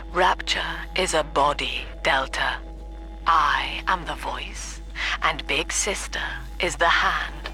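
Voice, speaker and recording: Casting: commanding, ominous cult leader in a video game, deep female voice, unhurried and solemn. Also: poor audio. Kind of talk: dramatic video game villain monologue. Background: music.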